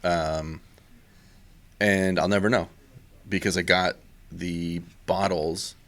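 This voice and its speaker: A man's voice: sits low, slow pace. A man co-hosting a podcast, talking casually and rambling a bit with lots of fillers. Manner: relaxed, rambling with many fillers. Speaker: podcast co-host. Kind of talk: casual chat.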